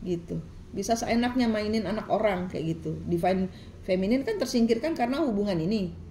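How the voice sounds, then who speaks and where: A woman's voice: medium pitch, lively intonation, a little fast, dark tone, slight background noise. A woman tarot reader, giving a preachy, scolding reading full of repetition.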